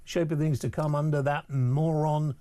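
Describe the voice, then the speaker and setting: A man hosting a live late-night talk radio show with smooth host patter, bringing callers on air and chatting with his co-host. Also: a little high, fairly even intonation, normal speed, dark tone, no echo. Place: radio studio. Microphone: studio microphone.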